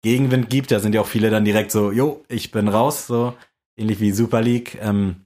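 A young man co-hosting a podcast, rambling along in relaxed, colloquial chat. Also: lowish voice, fast talker. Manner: laid-back, rambling, with colloquial slang. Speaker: podcast co-host. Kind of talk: casual chat.

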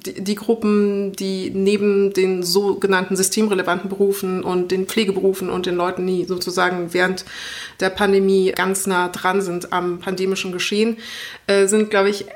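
A woman's voice: mid-range voice, level tone, normal speed. A woman co-hosting a casual podcast conversation, articulate and ironic, with fillers and hesitations. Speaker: podcast co-host.

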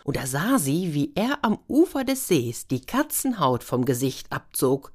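A woman narrating a fairy tale in a gentle, expressive storytelling manner. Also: deep voice, a little slow. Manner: gentle, expressive storytelling, brief voices for figures.

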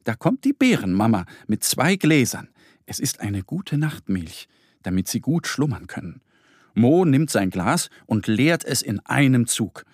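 Slow, expressive male storyteller. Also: medium pitch, no room sound, studio quality. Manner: expressive, gentle. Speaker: narrator. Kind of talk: children's storybook reading.

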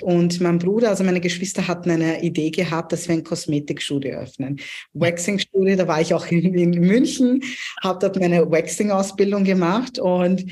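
A woman's voice: fairly low pitch, mellow. Earnest woman from Pakistan, reflective. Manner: earnest, reflective, many hesitations. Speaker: podcast guest. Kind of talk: interview storytelling.

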